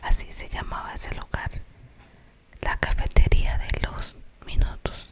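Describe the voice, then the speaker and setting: Hushed, slow Colombian whisper, suspenseful ASMR storytelling.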